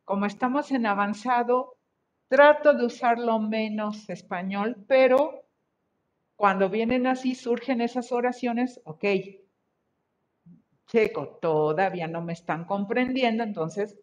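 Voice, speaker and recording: A woman teaching an online English class, switching between Spanish and a Mexican-accented English, encouraging her students and slowly repeating their answers. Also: on the high side. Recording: dull lo-fi video call audio.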